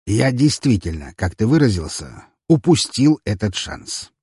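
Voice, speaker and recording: A man voicing a calm, scheming older nobleman who speaks in a measured, unhurried way in a storybook reading. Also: on the low side, slightly rough, dry recording, studio quality, heavily acted.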